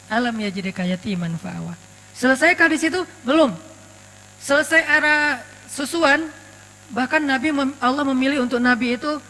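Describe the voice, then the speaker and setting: High-pitched male preacher, casual storytelling sermon; long reverb and a faint mains hum. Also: sharp tone. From Aceh, Indonesia. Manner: chatty, storytelling, joking asides.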